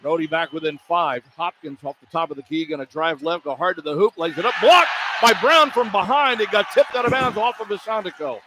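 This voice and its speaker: With arena sounds clearly behind him, a man delivers live radio play-by-play of a basketball game from courtside. He has a high voice, talks a little fast, and narrates the action in clipped running phrases.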